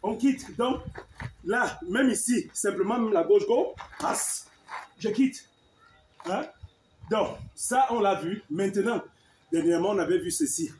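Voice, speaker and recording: A high-voiced male martial arts teacher leads a partner through defensive drills. He counts each move aloud and keeps checking in with a quick "hein?". The sound is roomy, with a faint hiss behind it. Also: darkish tone. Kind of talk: combat technique demonstration. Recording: echoey room with faint noise.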